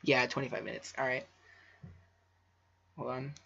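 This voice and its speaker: A man with a medium-pitched, gravelly voice that's pushed and bright reads a story casually for his video, level in tone and unhurried. An amateur fan fiction reader, he stumbles over words and tosses in offhand asides, captured on a dull lo-fi home recording.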